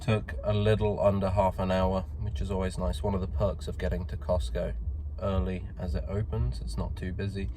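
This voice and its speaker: Low-voiced man chatting over car noise. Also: little pitch movement, normal speed, dark tone. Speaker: vlogger. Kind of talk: casual chat to camera. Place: inside a car out running errands. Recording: noisy car, road and engine noise.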